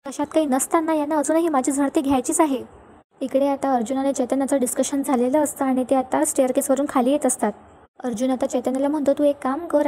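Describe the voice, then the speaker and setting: Woman, serial recap narration, fast delivery, mellow tone. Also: high-pitched, slight background noise. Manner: retells scenes, reading characters' lines in her own voice. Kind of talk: fast storytelling recap with quoted dialogue.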